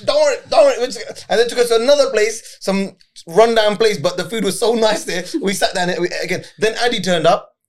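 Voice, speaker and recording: A man guesting on a podcast, talking quickly with a slightly high voice. He tells his story with lively, excited energy. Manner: animated, excited retelling. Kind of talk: casual storytelling.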